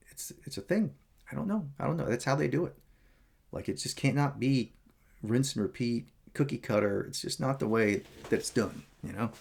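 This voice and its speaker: A man's voice: lowish voice, vocal fry, darkish tone, slightly rough. A man talking in a casual, rambling vlog monologue, candid and meandering as he tells stories. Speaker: vlogger.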